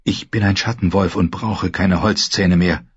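A man's voice: low voice, steady tone, a little slow, husky, no room sound, heavily acted. A man voicing a fierce, determined young girl in a storybook reading. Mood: urgent, determined. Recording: dull lo-fi recording.

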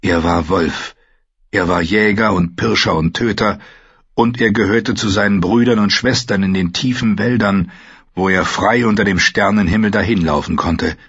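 Male narrator, husky, measured grave reading, dry dull recording. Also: deep voice, fairly bright tone, no echo. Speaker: audiobook narrator. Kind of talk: scripted fantasy narration.

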